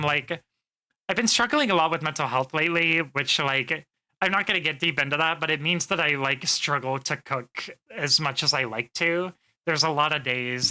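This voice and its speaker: A woman's voice: deep voice, pushed and bright. A woman streamer chatting casually to her viewers, rambling with plenty of fillers and swearing freely. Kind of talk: casual live-stream chat.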